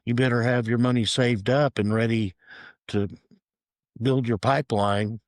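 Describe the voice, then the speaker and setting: A middle-aged man, a real estate agent, telling stories in a relaxed interview with dry humor. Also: mid-range voice, measured pace, no room sound. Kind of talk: casual interview storytelling.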